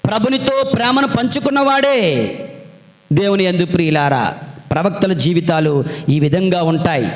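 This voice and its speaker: High-voiced priest preaching in an echoey hall. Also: male voice. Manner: emphatic, poses rhetorical questions and answers them. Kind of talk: sermon. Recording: echoey church hall reverb.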